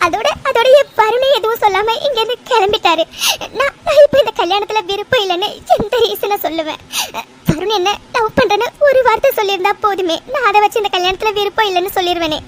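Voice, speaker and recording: Woman doing a tearful young woman, very high voice, pleading and halting, faint background noise. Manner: pleading, halting with repeated words. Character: heartbroken young woman torn over an arranged marriage. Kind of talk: dubbed cartoon family drama.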